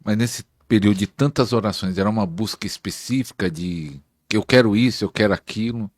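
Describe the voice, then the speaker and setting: A man's voice: lowish voice, brisk, dry recording, studio quality. A man, himself a pastor, interviewing a guest with brief, probing questions.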